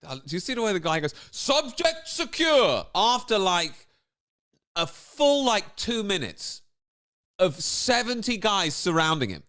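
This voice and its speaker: Sarcastic brit guy ranting over a clip, bouncy animated delivery, fairly high pitch. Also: a little slow. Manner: sarcastic, incredulous rhetorical questioning. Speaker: comedian. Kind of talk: comedic commentary on a video.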